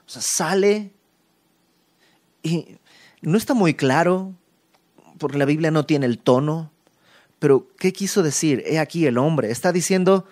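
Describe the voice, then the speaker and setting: A man teaching a verse-by-verse Bible study, speaking emphatically and moving between raised and hushed passages, with conversational asides. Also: fairly high pitch. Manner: conversational asides and tag questions.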